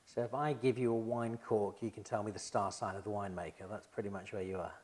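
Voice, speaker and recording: A man's voice: fairly low pitch, level tone, fast talker, a little mellow. A man hosting a wine show, presenting and interviewing in a chatty, joking way. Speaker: host.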